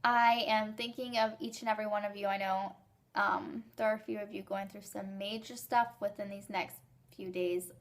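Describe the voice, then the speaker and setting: A young woman talking casually to her viewers in a rambling, excited and emotional way, with hiccups. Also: medium pitch, moderate pace. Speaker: vlogger sharing fertility journey. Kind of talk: casual vlog.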